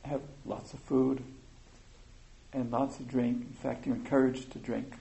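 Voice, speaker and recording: A man giving an informal meditation talk, speaking slowly and thoughtfully with many pauses and fillers. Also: mid-range voice, little pitch movement, vocal fry, warm tone, poor audio. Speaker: meditation teacher.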